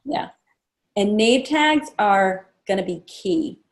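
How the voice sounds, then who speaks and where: A woman running a sales training session, casual and chatty, acting out guest conversations in a livelier voice. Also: slow. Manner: acts out guest chats in a lively higher voice; casual, chatty, many fillers. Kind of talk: training talk to a small group.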